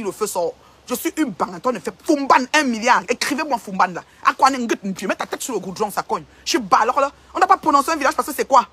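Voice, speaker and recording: A woman's voice: fairly high pitch, sharp tone, husky. A woman, ranting in a confrontational livestream and repeating phrases for emphasis. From Cameroon. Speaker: online commentator. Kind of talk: livestream rant.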